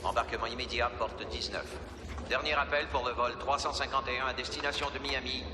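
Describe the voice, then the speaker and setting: A calm airport announcer reads flights over a PA system in a formal, measured tone. His voice rings through a roomy hall with a long reverb tail. Heavy background noise sits under every word. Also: mid-range voice. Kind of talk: dubbed film dialogue.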